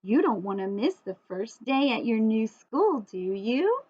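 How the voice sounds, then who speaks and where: Lady doing a man in a kids book, coaxing but firm, singsong, kinda high and slow. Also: very animated, darkish tone. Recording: phone-like, muffled thin audio.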